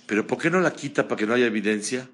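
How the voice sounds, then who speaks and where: A man giving a Torah class, animated, asking the audience questions and mixing Hebrew terms into his speech. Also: medium pitch, fast talker. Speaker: rabbi teaching a class.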